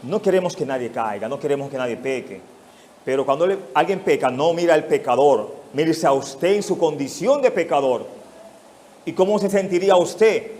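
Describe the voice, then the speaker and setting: A man's voice: a little high, lively intonation, normal speed, a little mellow. A male pastor with a Mexican Spanish accent preaching an expository sermon, putting rhetorical questions straight to his congregation.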